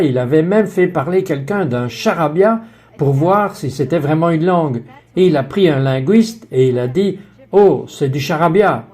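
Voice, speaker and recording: An earnest woman guest tells her story, voiced by a man in a French dub. The voice sits fairly high with a soft, mellow tone. It is delivered as a calm, steady voice-over. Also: close to an everyday voice. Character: woman guest on a faith talk show.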